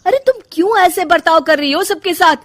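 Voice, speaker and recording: Woman doing a gentle young husband. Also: very high voice, a little fast, pitched above the performer's own voice. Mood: coaxing. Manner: coaxing, gentle.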